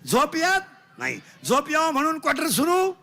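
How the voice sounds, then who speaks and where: High, bright-voiced Marathi preacher. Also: male voice, huge pitch swings, normal speed. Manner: loud, teasing, quizzes the crowd in call-and-response; mixes broken English lines into the sermon. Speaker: kirtan preacher. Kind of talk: comic devotional sermon.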